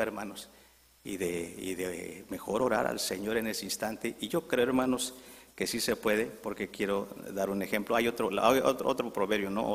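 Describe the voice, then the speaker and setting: A man's voice: fairly low pitch, gravelly, in a large hall. A man preaching a sermon, asking the congregation questions.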